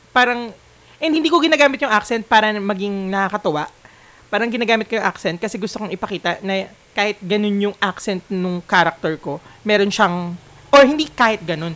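A man's voice: sits high, fairly bright tone. A man co-hosting a podcast, chatting casually and thinking aloud at length in a reflective way. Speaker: podcast co-host. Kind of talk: casual chat.

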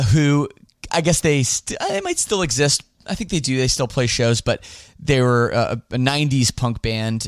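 A Canadian man hosts his podcast and chats casually through listener questions, loose and rambling, backtracking often. His voice sounds smooth and resonant. The sound is close and dry, with no room around it. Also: medium pitch, dry recording. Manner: relaxed, rambling with fillers and restarts. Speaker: podcast host.

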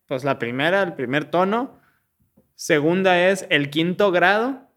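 A man's voice: a little high, fairly bright tone, clean tone. A man, casually explaining music theory step by step on a podcast, slangy and full of restarts.

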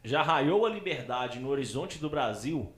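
A man's voice: mid-range voice, expressive, moderate pace, roomy sound, a little hiss or hum. A man acting as quizmaster on a live stream, teasing the players as he reads out questions. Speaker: quiz master.

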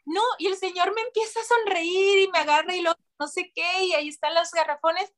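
A woman's voice: very high-pitched, a little fast. A woman, casually telling a story as a guest and acting out voices. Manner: animated, acts out voices, laughs often.

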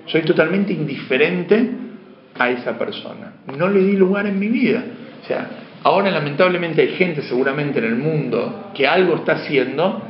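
A man giving a spiritual lecture to a class, asking questions of his listeners and moving between emphatic and hushed speech. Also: fairly high pitch, moderate pace, slight background noise. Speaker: teacher. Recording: dull, roomy lo-fi room sound.

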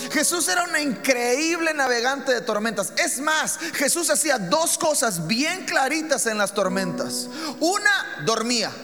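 A man's voice: very high-pitched, very animated, measured pace, pushed and bright, long reverb tail, faint music behind. A man preaching a sermon as pastor, emphatic, with rhetorical questions to the congregation.

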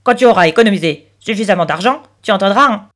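A booming, bossy magic piggy bank from a storybook, as a woman reads it aloud. It talks loudly and emphatically, with lively swings in pitch, laying down the rules. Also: quick pace, natural voice. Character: magic talking piggy bank, gruff and loud. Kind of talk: children's storybook reading.

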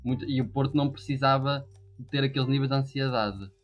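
Mid-pitched male football pundit, dull sound. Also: fairly even intonation, fast, soft background music. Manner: emphatic, repeats phrases. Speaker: football podcast panellist. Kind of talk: casual football analysis.

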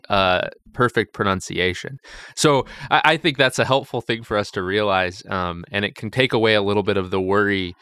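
A man who is a vicar, co-hosting a casual Bible study podcast and thinking aloud with restarts and quick asides. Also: lowish voice, sharp tone, clean tone, dry recording, clean studio sound.

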